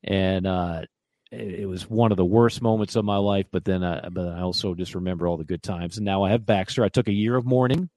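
A man co-hosting a sports radio show, telling a long personal story in a casual, animated way. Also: low-pitched, brisk, dry recording, studio quality. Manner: animated storyteller who acts out quoted voices.

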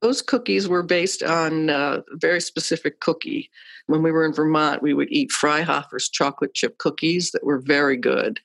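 A woman's voice: low-pitched, fairly even intonation, normal speed, vocal fry, no echo. A woman interviewee talking reflectively, thoughtful and a little hesitant.

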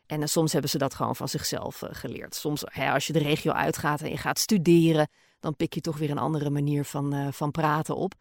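A woman's voice: low voice, flat delivery, a little fast, vocal fry, no room sound, studio quality. A podcast host and voice-over artist, a woman with a Gooise R, talking casually with frequent fillers as she answers listener questions. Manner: chatty, many fillers, occasional laughs.

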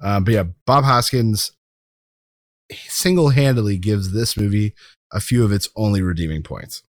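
A podcast co-host argues his case about movies in casual, emphatic, opinionated talk. His voice is on the low side at a moderate pace, captured with clean studio quality and no room sound.

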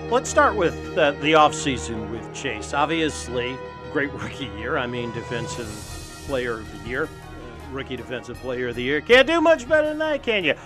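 A man's voice: medium pitch, sing-song, normal speed, music in the background. A man hosting a sports show, talking and reading ads energetically in punchy, emphatic short phrases. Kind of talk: energetic sports talk and ad read.

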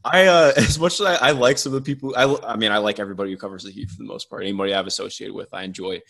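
A man's voice: lowish voice, steady tone, racing, creaky, a bit bright. A man with a Midwestern accent co-hosting a casual sports podcast, rambling and restarting his sentences with chuckling asides. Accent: Midwestern American. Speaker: podcast co-host.

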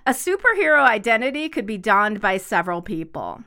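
A woman's voice: mid-range voice, very animated, brisk, pushed and bright. A woman in her sixties co-hosting a casual podcast chat, enthusiastic and laughing often. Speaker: podcast co-host.

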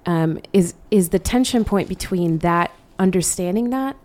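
A woman's voice: lowish voice, normal speed, darkish tone. A woman co-hosting a reflective podcast conversation, thinking aloud and searching for her words. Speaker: podcast co-host.

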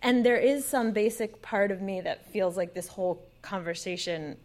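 A woman's voice: medium pitch, normal speed, darkish tone. Casual, emphatic woman on a panel. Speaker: podcast panelist.

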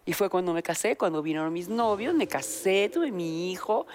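A woman's voice: fairly low pitch, moderate pace, slight background noise. An older woman with a Mexican accent, a talk show guest chatting casually and acting out the voices in her stories. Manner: animated storyteller acting out quoted dialogue.

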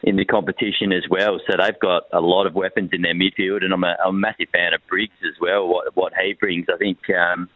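A man, a newspaper sports reporter, talks through a football game frankly and with pauses, his voice coming over a crackly phone line that cuts in and out. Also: low voice, flat delivery, dry recording. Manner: frank, measured, with many hesitations. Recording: tinny dry phone line.

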